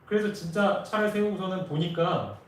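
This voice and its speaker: A man's voice: sits high, normal speed. Male preacher, earnest storyteller, heard from a distance with strong church reverb. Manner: earnest storytelling, rising with emotion at key moments. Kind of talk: sermon storytelling. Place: church sanctuary. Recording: echoey church from far off.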